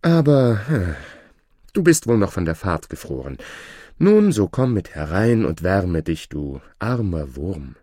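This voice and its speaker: A man's voice: low voice, very animated, measured pace, dark tone, no echo, clean studio sound, full character voice. A man reading a fairy tale, voicing a young girl who answers in an exasperated, emphatic way. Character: indignant young girl, kind at heart. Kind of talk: storybook reading.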